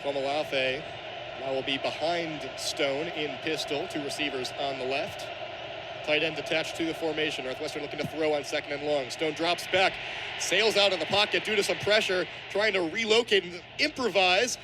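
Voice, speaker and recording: A young man is the main radio commentator for live football, calling play-by-play from an outdoor stadium. His voice is on the high side, with fairly even intonation and normal speed. Loud crowd-like ambient noise fills the broadcast.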